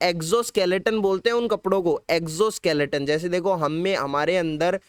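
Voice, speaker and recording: A young male biology tutor with a Hindi accent, his voice pitched high and ringing clean and resonant. He drills his students by asking the same question again and again, and now and then slips a playful sung line into the lesson. The sound is dry and close, with no room echo. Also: moderate pace, smooth. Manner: quizzes students with repeated questions; drops in playful sung lines. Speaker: biology teacher. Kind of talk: online exam-prep lecture.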